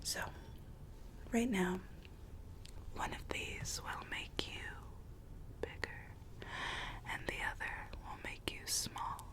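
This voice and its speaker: A woman playing a weary, gently coaxing Alice from Wonderland in a soft, breathy ASMR roleplay whisper. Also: lightly acted. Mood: soothing, coaxing. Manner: slow, hushed, repeats words soothingly.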